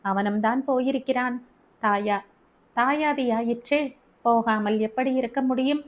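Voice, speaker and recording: A woman voices a gentle young wife in an audiobook story, speaking in a soft, calm and pleading way. She stays patient under her husband's scolding. The voice is fairly high. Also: a little slow, close to an everyday voice. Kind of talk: audiobook character reading.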